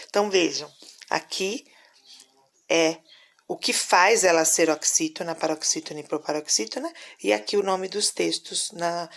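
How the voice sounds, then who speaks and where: A woman's voice: fairly low pitch, creaky. A woman teacher with a Brazilian Portuguese accent patiently talks pupils through worksheet exercises step by step, often checking in with short tag questions.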